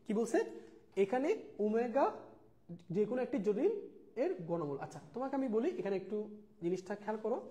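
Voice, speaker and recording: A man's voice: high voice, sing-song, racing, warm tone. A young man teaching a live online math class. He repeats key points, mixes in English words and calls his students brother. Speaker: math tutor.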